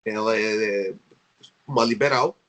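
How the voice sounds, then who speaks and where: In this low-quality recording, a guest researcher being interviewed on a podcast talks in Brazilian-accented Portuguese. He's a Brazilian man with a fairly low, fairly bright voice who speaks slowly. His delivery is halting, full of restarts and filler words.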